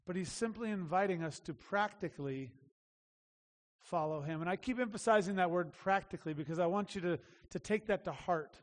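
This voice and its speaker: High-voiced male pastor preaching in a hall. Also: brisk. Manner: conversational preaching, emphatic repetition. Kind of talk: sermon.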